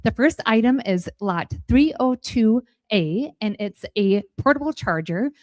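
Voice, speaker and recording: Casting: American woman, high voice, addressing a sale as contestant auctioneer, very dry sound. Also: lively intonation, unhurried, no room sound. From Minnesota, United States. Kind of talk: stage presentation of auction items.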